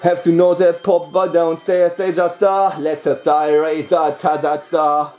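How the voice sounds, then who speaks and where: A man with a high, mellow voice chants a loose, boastful freestyle rap. He circles back to the same catchphrases over and over in a rambling flow. The sound is roomy and echoey, with a faint beat underneath. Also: level tone, unhurried. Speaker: amateur rapper. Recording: echoey room with faint music.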